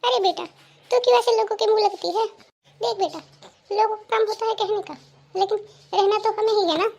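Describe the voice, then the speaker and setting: A woman's voice: very high-pitched, steady tone, fairly quick, creaky, darkish tone. A woman voicing an older mother-in-law in a cartoon, who can sound stern but is mostly affectionate toward her daughter-in-law. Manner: scolding, then affectionate.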